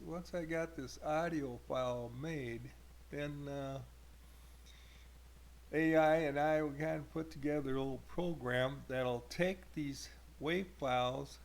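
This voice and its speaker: A man talks through his homemade software in a casual screen-recorded tutorial. He speaks slowly and hesitantly, often pausing and restarting. His pitch sits in an ordinary middle range. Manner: hesitant, with many uh fillers and restarts. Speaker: hobbyist programmer demoing his software.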